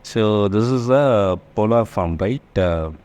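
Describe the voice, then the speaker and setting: This man teaches engineering in a step-by-step tutorial, stopping and starting as he handles the math and checking in with listeners. His voice is on the low side, a little mellow, and clear with a resonant tone.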